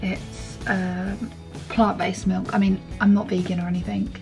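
A woman's voice: mid-range voice, flat delivery, a little slow, a little mellow, soft background music. A young woman, chatting cheerfully to camera in a casual vlog. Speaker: vlogger. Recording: home video with clear background noise.

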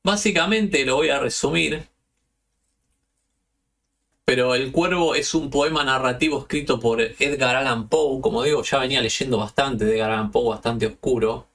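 An Argentine man hosts a podcast and tells stories in a relaxed, slangy way, swearing often. His voice has a gravelly rasp and middle pitch. He sits a little away from the microphone. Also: moderate pace, distant mic. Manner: loose, slangy and profane, animated retelling. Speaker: podcast host. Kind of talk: casual storytelling chat.

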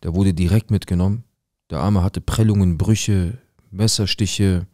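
Deep-voiced young man telling a street story. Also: fairly even intonation, unhurried, dark tone, no room sound, studio quality. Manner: slangy, dramatic street talk. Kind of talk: casual storytelling.

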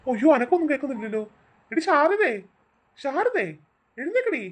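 A woman's voice: high voice, big pitch swings, moderate pace. A woman voicing an anxious father searching for his daughter in a cartoon, calling out and worried. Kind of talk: cartoon voice acting.

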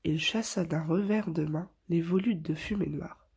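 A woman reading a picture book aloud to children in a soft, hushed storytelling voice. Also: lowish voice, normal speed, breathy edge.

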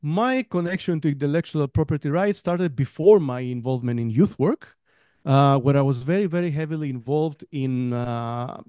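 This Greek man in his thirties has a mellow, smooth, fairly high voice and talks at a normal speed. He's a guest trainer on a webinar, speaking casually from a room at home over a video call, rambling a little and laughing between phrases. His headset and desk mic give a dry, clean, studio-like sound.

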